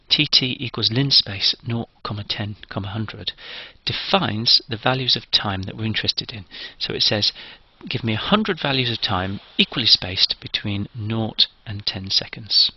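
A man's voice: fairly low pitch, creaky, husky, no room sound, muffled recording. A man giving a recorded engineering lecture, explaining each step methodically.

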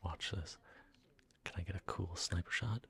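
A man giving soft-spoken ASMR commentary while playing a game, drifting between a hushed whisper and quiet low talk. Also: normal speed, a little hiss or hum. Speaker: ASMR gaming channel host.

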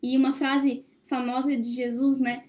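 Young woman, study-group presenter; high and warm, reflective and questioning, laptop webcam in a small room. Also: little pitch movement, a little slow. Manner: thoughtful, questioning the listeners. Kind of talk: reflective teaching talk. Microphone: laptop webcam on a video call.

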